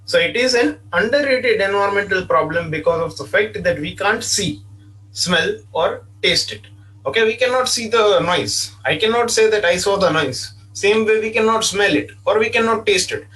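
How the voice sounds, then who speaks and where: A man delivers an online class lecture in a fairly high voice. He explains step by step, repeats points, and often says "okay". The mic sits some distance away, so he sounds distant. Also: a bit bright. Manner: repetitive, explanatory, frequent "okay" fillers.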